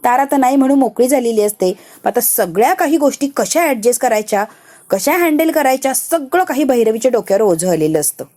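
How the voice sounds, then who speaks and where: Woman storyteller, casual recap, slightly high, warm. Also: brisk. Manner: chatty, animated retelling.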